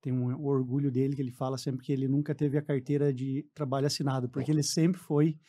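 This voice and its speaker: This man in his forties has a southern Brazilian accent and a medium-pitched voice that sounds dark and flat, moving along quickly. He's a guest in a radio studio, casually telling his story during an interview.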